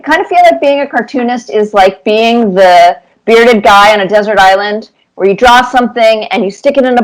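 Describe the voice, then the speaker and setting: On a low-quality recording, a medium-pitched woman cartoonist tells casual anecdotes in reply to interview questions. She's animated and repeats words to add emphasis.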